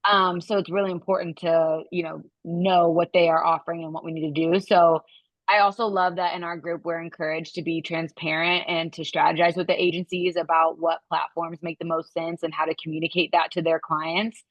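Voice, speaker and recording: A woman sales rep calmly explaining her work on a webinar panel over a video call. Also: on the low side, brisk, no room sound. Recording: dry, dull lo-fi call audio.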